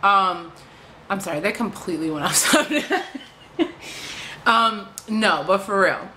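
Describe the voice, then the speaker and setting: Woman vlogger, casual rant, frustrated, swearing, bright forceful voice, faint hiss behind. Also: mid-range voice, unhurried, poor audio. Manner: frustrated, swears freely, many fillers.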